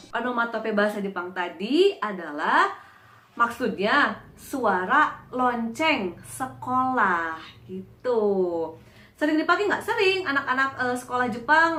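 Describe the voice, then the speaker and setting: A woman teaches a casual online language lesson in a bright, high voice. She playfully imitates animal cries and bells as she goes. The room around her rings with echo. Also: expressive, measured pace. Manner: playful, mimics animal and bell sounds.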